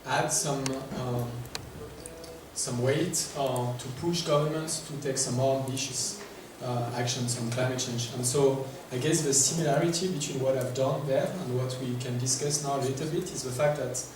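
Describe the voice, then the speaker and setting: With a medium-pitched voice, fairly even intonation and a moderate pace, a French-accented man gives a workshop presentation in English, faltering with filler words and asking the audience questions. The conference recording is distant, noisy and echoey, made in a large room.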